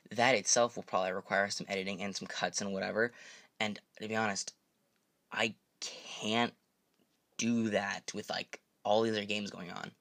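A young man with a fairly low voice gives a casual channel update into a desk microphone. He rambles, corrects himself mid-sentence and apologizes along the way. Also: a bit bright. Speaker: gaming channel host.

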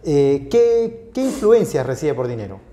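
A male interviewer, asking questions in a conversational, measured way. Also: a little high, sing-song, dark tone, roomy sound. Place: small restaurant with brick walls.

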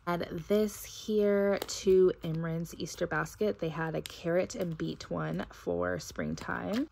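A young woman narrating a casual haul video at home, thinking aloud as she sorts gifts, with a few soft laughs. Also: fairly low pitch, gravelly, slight background noise. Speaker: vlogger. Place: carpeted room at home, indoors.

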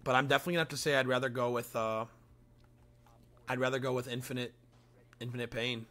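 A man's voice: medium pitch, fairly even intonation, fast, bright, forceful tone. A young man chatting casually as a game streamer in a crude, slangy frat-bro manner with lots of swearing. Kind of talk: casual livestream gameplay chat.

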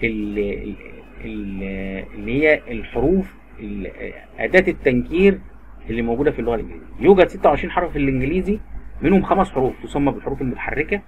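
A man's voice: medium pitch, expressive, fast talker, lo-fi sound, slight background noise. A man with an Egyptian Arabic accent teaching English grammar to a child, patiently repeating words and examples. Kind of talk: drilling grammar lesson for a child.

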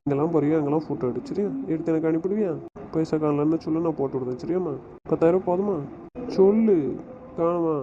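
Against a noisy background, a man with a fairly high voice talks rapid-fire to his wife on a casual phone call, teasing her and giving bossy instructions.

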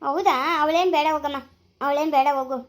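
A woman's voice: high-pitched, fast, low-quality recording. Woman playing a soothing, scolding village aunt. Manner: soothing, scolding, repeating warnings. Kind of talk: amateur family drama acting.

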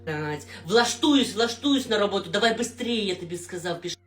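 A woman voicing a rude, lazy, beer-drinking young husband who talks gruffly and swears. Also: mid-range voice, lively intonation, brisk, roomy sound, faint music behind, voice pushed down, close to an everyday voice.

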